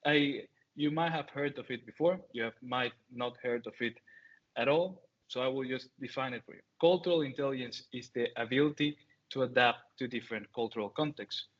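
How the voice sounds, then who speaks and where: A Venezuelan man in his thirties gives an online talk as a guest speaker over a video call, speaking English with a Spanish accent. He uses many fillers and restarts. His voice is medium in pitch and the audio sounds dull.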